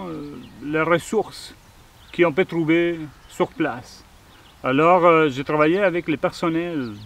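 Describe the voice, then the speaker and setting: A man in a documentary interview, talking slowly and hesitantly with frequent fillers. His voice sits a little high and is picked up from some distance, with faint music underneath. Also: gravelly, fairly bright tone, slight background noise. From Argentina. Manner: hesitant, many fillers and restarts. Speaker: visual artist. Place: outdoor garden.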